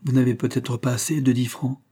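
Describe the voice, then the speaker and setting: A man's voice: medium pitch, flat delivery, fairly quick, dark tone, slightly rough, close to an everyday voice. A man reading an audiobook voices a naive, playful young girl in a raised, girlish voice. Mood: shy.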